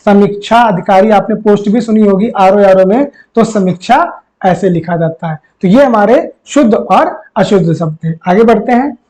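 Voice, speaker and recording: This exam tutor, whose voice sits high and a little mellow, goes through Hindi spelling and vocabulary, repeating each word and putting questions to viewers he calls friends. The recording is rough.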